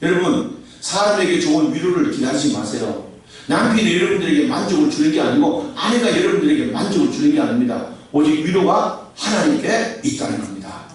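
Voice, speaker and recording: A man's voice: a little high, big pitch swings, fairly quick. Male pastor, emphatic sermon delivery, strong church hall reverb. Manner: emphatic preaching, calls the congregation to say amen. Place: large echoey church sanctuary. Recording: very echoey hall, voice from far off the mic.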